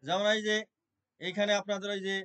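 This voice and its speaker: A man who chants Sanskrit prayers loudly, one word at a time, and also talks about religion in a casual, conversational way. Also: high-pitched, little pitch movement, a little fast, low-quality recording. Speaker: Gita devotee leading prayers.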